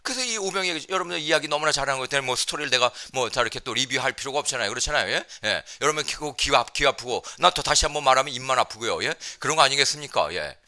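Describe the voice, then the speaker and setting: A man preaching a sermon as a missionary speaker in a church, playful and animated, often tossing in English phrases and checking in with the congregation. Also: mid-range voice, racing, hardly any pauses, no room sound. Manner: lively, playful, mixes in English phrases, frequent "예?" prompts to the congregation. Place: church sanctuary.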